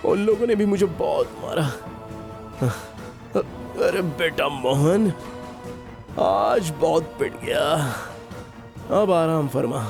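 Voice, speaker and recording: A man's voice: fairly high pitch, expressive, slow, vocal fry, pauses often, full character voice. An actor dubbing a tough young man who threatens bullies in a film, with a menacing edge. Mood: sore, weary. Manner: threatening, then wearily self-mocking. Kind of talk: dubbed film dialogue. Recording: film soundtrack with music behind.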